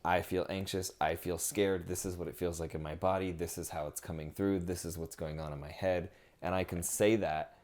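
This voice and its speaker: A young man with a very deep voice talks casually and openly about his feelings, rambling and leaning on filler words as he chats with his partner on a podcast. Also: fairly even intonation, moderate pace, hardly any pauses, darkish tone. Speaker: podcast co-host.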